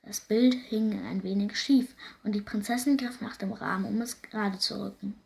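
A woman reading a fairy tale aloud, gentle and often hushed. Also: medium pitch, fairly even intonation, moderate pace, gravelly. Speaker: storyteller.

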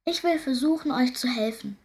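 A woman's voice: high-pitched, moderate pace, darkish tone, pitched above the performer's own voice. Timid curious young princess, read by a woman. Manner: hesitant questioning tone.

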